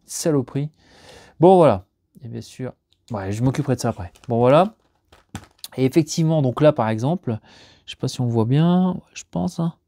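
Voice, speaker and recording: A chatty man talks through an unboxing at home, rambling with plenty of fillers and false starts. His voice is mellow and warm, recorded close and dry on a camera mic, and it jumps higher whenever something excites him. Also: moderate pace, pauses often, no room sound. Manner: lively, jumps up in pitch when excited. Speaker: YouTuber unboxing discs. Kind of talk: casual unboxing chat.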